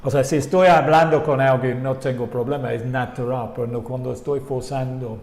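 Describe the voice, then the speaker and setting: A man's voice: medium pitch, fairly even intonation, moderate pace, darkish tone, echoey room. A man whose first language is English, teaching an online English lesson in Spanish and repeating example phrases to show rising and falling intonation.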